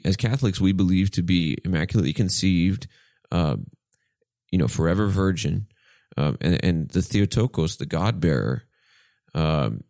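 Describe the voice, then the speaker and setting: A man's voice: deep voice, a little mellow, dry recording, clean studio sound. A man in his twenties, co-hosting a casual podcast and earnestly telling his faith story with many restarts. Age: 20s. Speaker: podcast co-host. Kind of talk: casual chat about faith.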